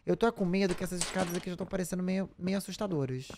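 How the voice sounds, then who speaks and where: A woman's voice: lowish voice, racing, gravelly, a little mellow, slight background noise. A woman with a Brazilian accent doing casual, dramatic gameplay commentary, chatting back at the game. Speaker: gaming video host.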